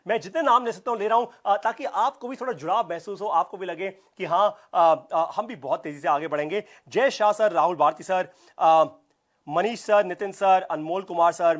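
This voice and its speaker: A man leading a live online business class, talking with high energy, speaking emphatically and repeating phrases for punch. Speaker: business coach.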